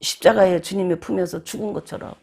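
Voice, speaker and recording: A preacher delivers a sermon with a rough, gravelly edge to the voice. The talk runs like storytelling, and the preacher slips into short acted voices for quoted lines. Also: mid-range voice, steady tone, fast talker, a little mellow.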